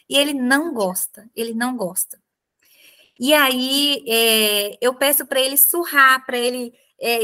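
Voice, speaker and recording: Brazilian podcast host, woman, earnest and chatty with lots of little tag questions, high and bright-toned. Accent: Brazilian Portuguese. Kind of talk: conversational interview talk.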